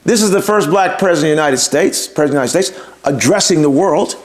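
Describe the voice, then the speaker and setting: A man hosting his podcast delivers an emphatic opinion monologue in a slightly high voice, talking fast. He speaks straight to his audience, repeating himself for emphasis and firing off rhetorical questions.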